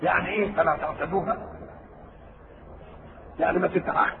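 A man's voice: sits high, fairly even intonation, normal speed, vocal fry. A man with an Egyptian accent giving a spoken religious lesson on scripture. He keeps posing questions to his listeners and then answering them himself. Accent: Egyptian Arabic. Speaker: religious scholar explaining scripture. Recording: tinny, noisy, phone-like recording.

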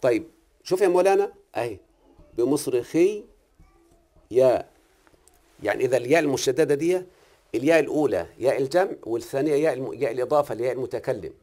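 A man's voice: medium pitch, animated, quick pace, pauses often, dark tone. A man with an Egyptian accent teaching recitation and grammar one-on-one, often stopping to ask whether his student understands. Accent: Egyptian Arabic. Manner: questioning, repeatedly checks the student understands.

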